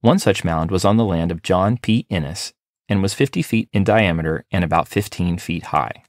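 Male podcast host, deep and dry, measured reader of scripted history. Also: no echo. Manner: steady, measured reading.

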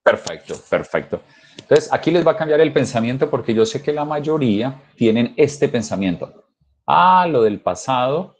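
A man teaching English over a video call, emphatic and urging his students to practice out loud. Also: medium pitch, sing-song, moderate pace. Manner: emphatic, coaxing students to repeat. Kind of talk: online class teaching.

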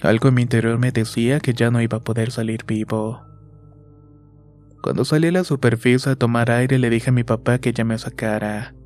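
A man reading a first-person horror story in a slow, measured, scripted narration. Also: medium pitch, fairly even intonation, a little mellow. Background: faint music.

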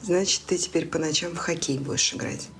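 An actress playing a friendly, interested pharmacist in naturalistic TV drama conversation. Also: female voice, low voice, brisk, over music. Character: friendly, interested female pharmacist hoping to adopt.

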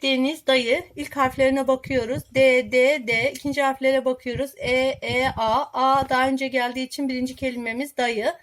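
In a high-pitched voice, a woman reads test questions to young pupils and explains each answer clearly and patiently.

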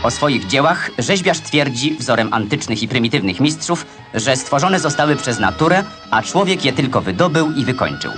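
A man's voice: mid-range voice, very animated. Man narrating an old newsreel. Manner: brisk, declamatory commentary. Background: loud music.

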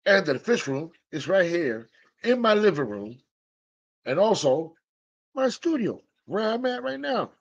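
This aquarium channel host talks from the fish room in his living room for a laid-back hobby vlog, full of energy and play, echoing his own phrases and doing fake announcer routines. He sounds high and sing-song, a touch slow, with vocal fry, and the recording is lo-fi.

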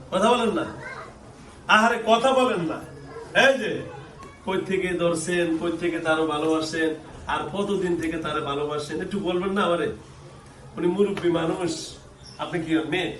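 A man's voice: a little high, fairly bright tone. A man, working as a healer and mufti, coaxing and pressing people with repeated questions while also speaking to the camera. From Bangladesh. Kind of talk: live session addressing camera and visitors. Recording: echoey room, distant mic, faint noise.

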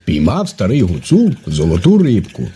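A man reading jokes aloud, slowing down for the punchlines. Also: deep voice, wildly swooping pitch, background noise. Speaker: joke teller.

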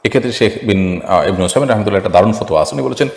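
Man explaining a religious question, slow with lots of pauses, voice moves up and down a lot, long echo. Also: on the low side, gravelly. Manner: calm, measured, explanatory with many pauses and fillers. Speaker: Islamic scholar answering a viewer question. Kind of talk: religious Q&A talk. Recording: echoey room with long reverb.

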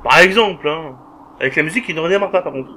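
A man's voice: on the high side, fast talker, pushed and bright, soft background music. A man with a swearing, joking manner, giving a let's play commentary and talking back to the game. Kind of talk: gameplay commentary.

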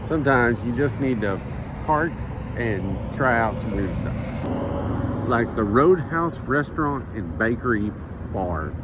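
A man's voice: mid-range voice, animated, measured pace, heavy background noise. A man giving casual, rambling travel vlog narration with wry, self-deprecating asides. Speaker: travel vlogger.

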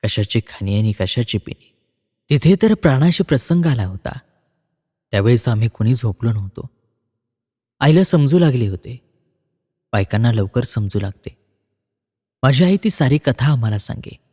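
A man narrating a classic story in a measured, expressive reading. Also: medium pitch. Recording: long reverb.

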